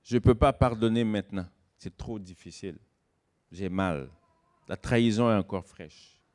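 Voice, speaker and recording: Man preaching a sermon, swings from loud stresses to hushed asides, slows on key words. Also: on the low side. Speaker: guest pastor.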